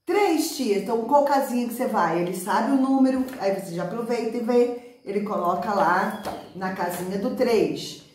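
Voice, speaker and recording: A woman with a Brazilian Portuguese accent, explaining classroom literacy activities in a patient teaching talk, stretching out sample words slowly. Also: fairly high pitch, darkish tone, heavy reverb. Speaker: teacher and neuropsychology educator.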